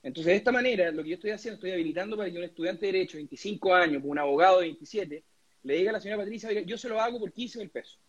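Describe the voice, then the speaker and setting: A young Chilean man with a high, slightly husky voice answers interview questions in earnest, often stumbling and repeating words as he builds his point. The recording sounds dull and lo-fi. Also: rapid-fire. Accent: Chilean Spanish. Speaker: lawyer and constituent assembly candidate being interviewed.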